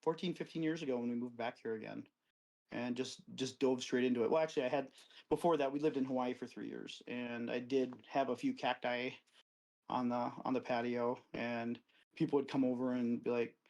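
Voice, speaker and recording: A man's voice: fairly even intonation, fairly quick, a little mellow, dull audio. Easygoing Wisconsin-raised man telling stories. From Wisconsin, USA. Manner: rambling, anecdotal, acts out quoted friends with livelier pitch. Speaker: guest, cactus grower. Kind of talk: relaxed storytelling in an interview. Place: outdoor desert garden.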